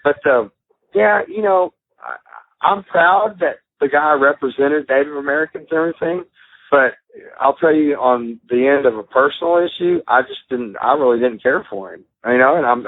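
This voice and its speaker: A man's voice: medium pitch, normal speed, no room sound. A middle-aged man from Texas, a former wrestler telling stories bluntly with plenty of swearing, heard over a phone line. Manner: blunt, swears freely, acts out others' lines. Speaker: guest, former pro wrestler. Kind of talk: casual storytelling. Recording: dry phone-line call.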